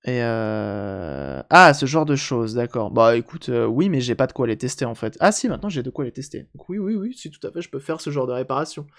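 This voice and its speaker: A man's voice: medium pitch, animated, a little fast, gravelly. A man chatting casually on a live stream while repairing a handheld console, joking and answering chat aloud.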